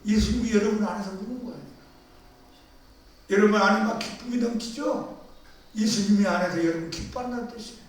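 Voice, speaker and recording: A man with a high-set voice preaches earnestly to his congregation, pressing his points with fervor. His words ring through a very echoey church hall, picked up from a distance. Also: fairly quick, pauses often. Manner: earnest preaching, rising to fervent prayer. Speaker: pastor. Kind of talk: sermon. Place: church sanctuary.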